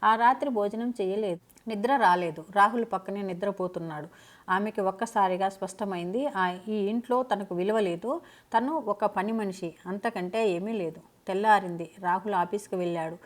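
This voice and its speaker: A woman storyteller reads a family drama aloud in a scripted narration. Her telling is steady and dramatic, with a voice of ordinary pitch for a woman. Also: moderate pace.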